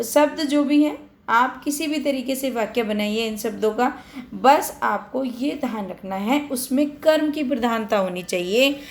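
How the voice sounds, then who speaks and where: Hindi teacher woman explaining grammar. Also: a little high. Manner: patient, addresses students directly, repeats points. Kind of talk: explaining a worksheet lesson.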